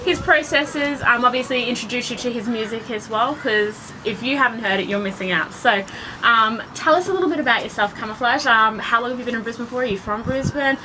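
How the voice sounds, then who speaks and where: A woman hosting a radio interview, friendly and upbeat, with plenty of "um"s. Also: fairly high pitch. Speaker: radio show host, interviewer. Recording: clear background noise.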